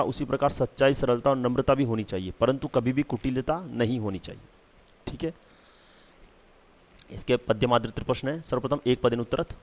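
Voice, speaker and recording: A man teaching a school lesson, repeating key words and checking in with "theek hai" often. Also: medium pitch.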